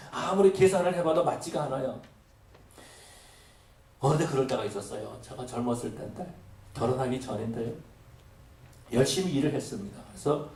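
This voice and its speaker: A man's voice: a little high, darkish tone. A middle-aged male pastor with a cold, preaching emphatically and asking many rhetorical questions. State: has a cold. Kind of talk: sermon. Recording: echoey, from a distance.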